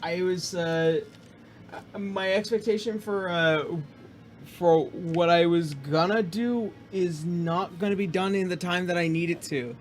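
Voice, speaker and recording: Slightly high-voiced man running a game. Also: measured pace. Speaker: game master. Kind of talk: casual tabletop game hosting.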